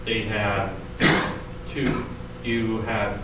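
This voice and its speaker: A man's voice: on the low side, drawn-out words. A man co-hosting a video game retrospective in casual chat. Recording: very echoey room, distant mic, noisy.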